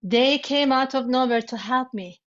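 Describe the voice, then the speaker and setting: A woman in a class sharing a story in a halting way, often restarting her words. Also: high voice. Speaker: class member. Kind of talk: personal anecdote. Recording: dull muffled lo-fi sound.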